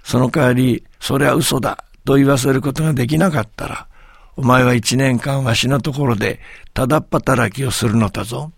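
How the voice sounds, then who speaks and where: A man's voice: mid-range voice, fairly even intonation, normal speed, gravelly, husky, no room sound, studio quality. A man doing a commanding old village master. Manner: commanding, old-fashioned speech. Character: proud old village master, martial artist.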